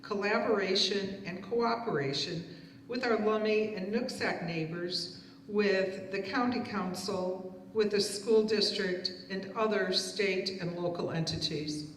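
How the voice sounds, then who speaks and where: A woman's voice: medium pitch, measured pace, slight background noise. A woman moderating a candidate forum, formally reading out questions. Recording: echoey hall, mic far off.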